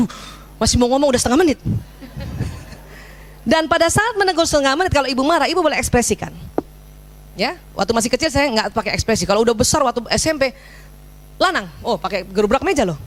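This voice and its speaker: A woman's voice: a little high, quick pace. A middle-aged woman giving a religious parenting lecture, telling stories and acting out dialogue with her child. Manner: animated storytelling with acted-out dialogue.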